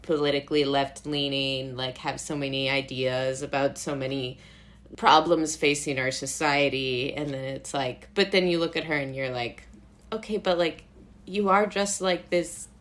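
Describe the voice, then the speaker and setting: An American woman from Brooklyn, New York, with a very deep voice, talks casually at normal speed as an interview guest. She is a playwright, director and actor, and she rambles through animated asides, saying "like" often and interrupting herself with laughs.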